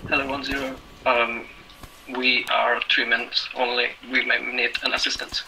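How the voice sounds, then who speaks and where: Monotone squad member reporting formally, heavy noise on the line. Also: male voice, medium pitch, gravelly. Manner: formal, measured radio report. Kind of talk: military radio report in a game.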